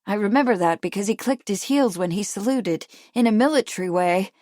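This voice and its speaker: A woman's voice: medium pitch, brisk, darkish tone, no echo, studio quality, natural voice. A woman narrator voicing an anxious, determined young Victorian woman, speaking earnestly and urgently. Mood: intent.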